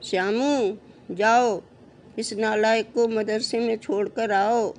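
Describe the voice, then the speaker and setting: A storyteller voicing a harsh, short-tempered mother, speaking louder and a little higher than the narration. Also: steady tone, takes it slowly, slight background noise. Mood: scolding. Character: harsh, scolding mother, later grieving.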